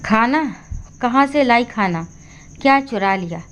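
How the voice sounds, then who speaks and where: A woman voicing a harsh, resentful daughter-in-law who talks in a sharp, scolding way in a storybook. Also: on the high side, animated, unhurried, a little hiss or hum.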